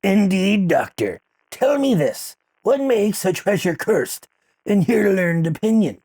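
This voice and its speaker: Captain Jeb, someone playing a gravelly pirate host. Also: medium pitch, very animated, takes it slowly, darkish tone, heavily acted. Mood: grand. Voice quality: gravelly, husky. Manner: theatrical pirate talk, rolling and dramatic. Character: gruff male pirate captain hosting a call-in show. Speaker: radio host.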